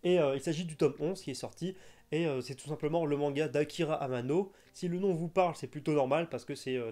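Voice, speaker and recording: Young man, casual video host, chatty and enthusiastic, slightly high voice, mellow tone. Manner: chatty, enthusiastic, frequent hesitations. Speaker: manga news YouTuber.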